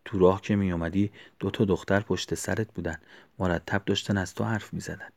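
A man's voice: sits low, fairly even intonation, gravelly, darkish tone. A man reading as a chatty young friend. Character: young man complimenting a friend's sporty look.

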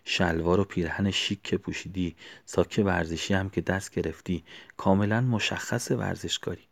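A man's voice: low-pitched, fairly even intonation, vocal fry, fairly bright tone, heavily acted. A man reading as a chatty young friend. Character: young man complimenting a friend's sporty look.

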